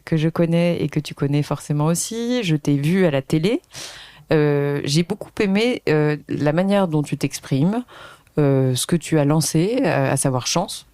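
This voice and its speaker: A woman's voice: low voice, darkish tone, no room sound. Friendly woman podcast host, rambling questions. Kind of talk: casual interview chat.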